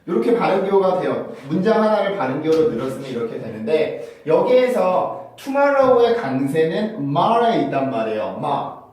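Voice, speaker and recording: A man teaching English pronunciation in a spoken lesson, explaining step by step and slowly repeating example sentences. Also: a little high, sing-song, a little mellow. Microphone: phone camera with clip-on mic. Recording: echoey room, mic at a distance.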